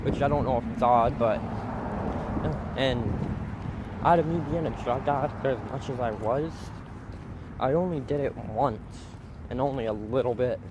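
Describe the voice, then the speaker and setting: Guy streaming, rambly and sweary, blunt casual talk, normal pitch, really loud vehicle-like noise behind him. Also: measured pace, pauses often. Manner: blunt, profane, meandering. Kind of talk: casual rambling livestream chat.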